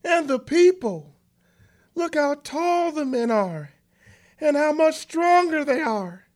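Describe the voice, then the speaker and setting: A woman's voice: high voice, animated, slow pace, darkish tone. A woman playing a cautious Israelite spy in a children's Bible skit, speaking carefully. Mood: wary.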